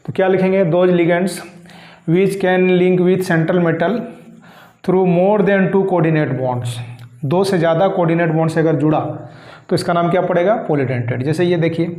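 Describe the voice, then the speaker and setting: A man teaching chemistry, asking questions and answering them slowly himself. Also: fairly high pitch, darkish tone. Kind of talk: classroom lecture. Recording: echoey room.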